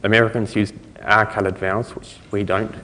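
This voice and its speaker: A man's voice: fairly low pitch, flat delivery, normal speed, sharp tone, long reverb tail, a little hiss or hum. A man giving a conversational conference talk, explaining things step by step. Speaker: conference speaker.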